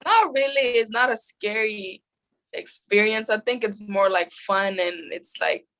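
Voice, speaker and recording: A woman's voice: mid-range voice, unhurried, fairly bright tone, low-quality recording. A woman in her twenties from the Philippines, a guest content creator on a podcast, talking in an easygoing way with a giggle. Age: 20s. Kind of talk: casual group interview.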